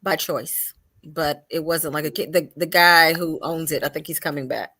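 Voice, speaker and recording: A woman's voice: deep voice, moderate pace, pushed and bright. A woman hosting a casual group chat over a video call, playful and laughing often. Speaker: host.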